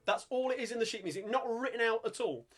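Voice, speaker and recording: A man's voice: very high-pitched, fast talker. A man with a London accent hosting a live-streamed singalong, chatting upbeat between songs and breaking into old music-hall numbers. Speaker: singalong host and pianist. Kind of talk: casual live-stream chat with singing. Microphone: home streaming mic.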